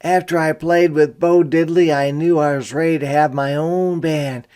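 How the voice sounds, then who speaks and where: A man reading a picture book aloud to young children as a teacher, with expressive, deliberate delivery and simple explanations. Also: on the high side, clear, resonant tone. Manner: dramatic, deliberate delivery with emphasized character lines.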